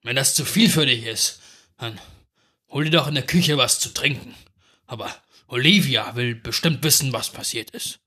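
A man playing a grieving old janitor, sharp-toned. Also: medium pitch, normal speed, slightly rough. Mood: curt. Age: older. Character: despairing elderly male school janitor and great-uncle. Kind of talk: dramatic storytelling reading.

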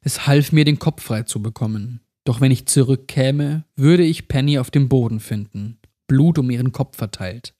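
A man narrating a first-person horror story in a measured, somber way. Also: medium pitch, dark tone.

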